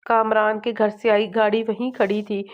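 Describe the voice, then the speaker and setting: A woman narrating a romance novel as an audiobook, reading in a steady, even way. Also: mid-range voice, normal speed. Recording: slightly muffled lo-fi audio.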